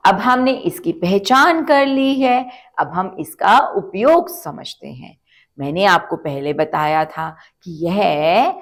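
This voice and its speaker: Slow, lively woman teaching children. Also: medium pitch. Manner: slow, drawn-out sing-song teaching with call-and-response. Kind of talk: children's Hindi lesson.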